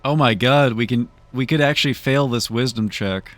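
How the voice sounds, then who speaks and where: A man's voice: medium pitch, moderate pace, fairly bright tone, dry recording, faint music behind. A man streaming a game, giving casual, playful commentary and theatrically deliberating with his chat. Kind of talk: casual live gameplay commentary.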